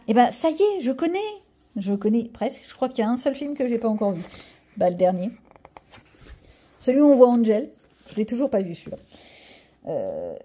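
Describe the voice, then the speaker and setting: A middle-aged woman vlogger chats casually as she shows her viewers a haul. Her voice is very dark and mellow, with a husky grain, and sits a little high. She rambles and keeps teasing herself along the way. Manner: rambling, chatty, self-mocking asides. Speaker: vlogger showing a coloring-book haul. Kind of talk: casual chat to camera.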